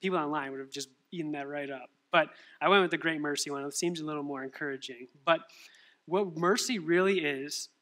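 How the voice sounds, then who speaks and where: A young man preaching a sermon, telling stories with animated rhetorical questions. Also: a little high, fairly quick. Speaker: pastor.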